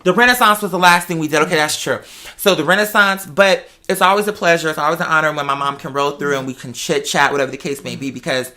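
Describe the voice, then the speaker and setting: A bright, pushed, mid-range voice runs at a fast pace as the American adult talk show host chats casually. The talk is personal storytelling, delivered emphatically with phrases repeated for stress.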